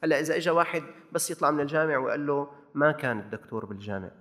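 A man's voice: on the high side, animated, rapid-fire, fairly bright tone, big-room sound. A man with a Levantine Arabic accent preaching a sermon in a mosque, exhorting and repeating phrases for emphasis.

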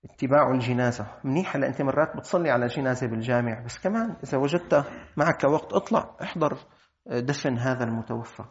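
A man with a Syrian accent giving a colloquial religious lesson, lively and acting out everyday dialogues. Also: mid-range voice, fast, lo-fi sound. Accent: Syrian Arabic. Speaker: Islamic religious teacher.

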